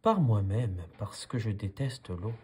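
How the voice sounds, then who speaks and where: A man voicing a shy young male duck who is afraid of water, in a calmly read storybook. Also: fairly low pitch, unhurried, a little hiss or hum. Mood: timid. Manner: timid, hesitant.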